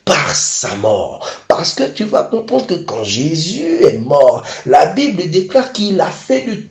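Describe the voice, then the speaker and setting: A man's voice: on the high side, huge pitch swings, takes it slowly, a little mellow, a little hiss or hum. A man preaching a sermon, emphatic and repeatedly calling his listeners beloved. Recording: echoey room.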